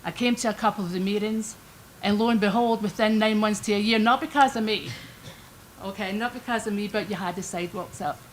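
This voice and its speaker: A woman's voice: medium pitch, a little fast, a little hiss or hum, rough recording. Chatty older Scottish woman. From Scotland. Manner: chatty, homely, lightly self-deprecating. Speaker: resident giving public comment. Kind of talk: public comment at a council meeting. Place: council meeting room.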